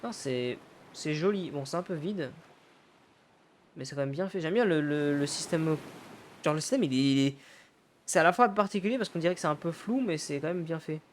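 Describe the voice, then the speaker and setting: A man's voice: on the high side, moderate pace, slight background noise. A man giving casual let's-play commentary, thinking aloud, swearing casually and loosely paraphrasing the game's dialogue. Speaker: gaming YouTuber.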